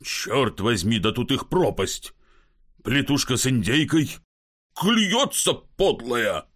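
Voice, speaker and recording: A man voicing a drunk middle-aged gentleman who coaxes and curses, fussy and blustering. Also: medium pitch, sing-song, slow, voice pushed up, heavily acted. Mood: exasperated. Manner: coaxing, then cursing in frustration.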